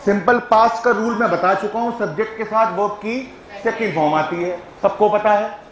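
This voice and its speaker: High-voiced man teaching in an echoey room. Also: normal speed. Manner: keeps checking if students follow, coaxing. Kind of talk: classroom lecture on English grammar.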